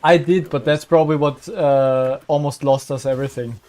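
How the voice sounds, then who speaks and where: A man's voice: medium pitch, steady tone, normal speed, a little mellow. A man playing a co-op game with a friend, chatting casually with dry, sarcastic humor. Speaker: co-op gaming partner. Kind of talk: casual gaming chat.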